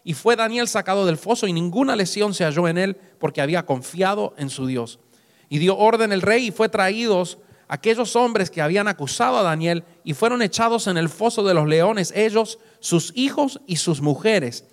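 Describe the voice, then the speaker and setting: A man reads a scripture passage aloud at an even, deliberate pace. His voice sits high for a man. He keeps the reading calm and measured. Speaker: scripture reader.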